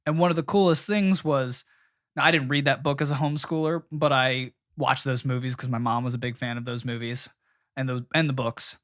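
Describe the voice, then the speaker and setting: A young man in casual conversation as co-host, leaning on "you know" and "like" as he talks. His voice sits at an ordinary middle pitch. It is recorded close and dry with no room sound. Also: steady tone, fairly quick, a bit bright, no room sound. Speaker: podcast co-host. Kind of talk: casual chat.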